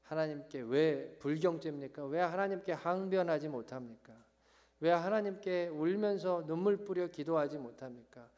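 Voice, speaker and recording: A male pastor preaching a sermon in an animated, emphatic way. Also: on the high side, normal speed.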